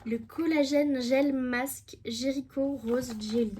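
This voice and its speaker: A woman's voice: sits high, steady tone, slow pace, darkish tone, slight background noise. A young woman from France, a beauty vlogger, chatting casually and enthusiastically as she unboxes products, with rambling asides.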